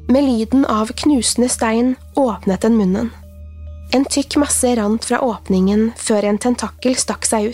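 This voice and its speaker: A woman with a higher, breathy voice narrates a scripted horror story. She keeps her delivery hushed and suspenseful over soft background music.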